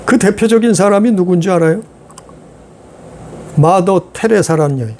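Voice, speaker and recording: A man's voice: sits high, normal speed, a little mellow, a little hiss or hum. A male pastor preaching a sermon, repeating phrases and asking the congregation rhetorical questions.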